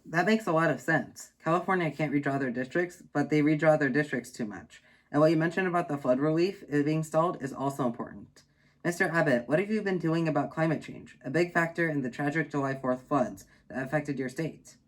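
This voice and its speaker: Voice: mid-range voice, fairly quick, poor audio. A parody news anchor hosting a scripted satirical show with mock-serious sarcasm.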